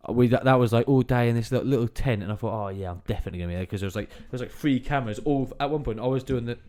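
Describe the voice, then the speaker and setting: A man's voice: medium pitch, fast talker, mellow. A man co-hosting a casual podcast, rambling through a story, often laughing and swearing. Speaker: podcast co-host.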